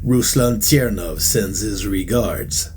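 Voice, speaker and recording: A man voicing a malicious, smug enemy officer in a storytelling recap, speaking slowly with a sneer. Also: fairly low pitch, darkish tone, soft background music.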